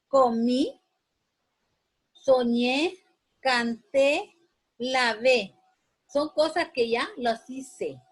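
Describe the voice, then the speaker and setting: Husky-voiced woman teaching a class. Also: high-pitched, rough recording. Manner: patient, repeats key points slowly. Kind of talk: classroom lesson.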